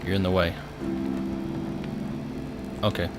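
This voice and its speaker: A man with a lowish voice commentates casually on a game. He muses to himself as he goes, with music clearly behind him. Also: level tone, slow. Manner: musing to himself. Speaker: let's play host.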